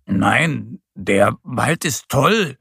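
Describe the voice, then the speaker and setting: A man voicing a kind little bear cub in a children's audio story, slow and hesitant. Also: medium pitch, animated, gravelly, a bit bright, husky, no room sound, clean studio sound, exaggerated voice. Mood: reassuring.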